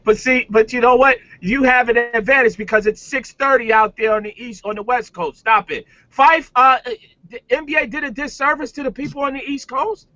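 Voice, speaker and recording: Sports show host, man, high bright voice, animated and insistent. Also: fairly quick, no echo, lo-fi sound. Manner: animated, pushes his point. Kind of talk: casual sports debate.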